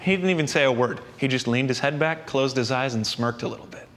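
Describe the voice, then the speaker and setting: A young man hosting a college comedy show, telling jokes in an animated, exasperated way. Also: mid-range voice, fast talker, slight background noise. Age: young adult. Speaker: host. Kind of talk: comedic monologue and sketch. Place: set on a campus stage. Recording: long hall reverb.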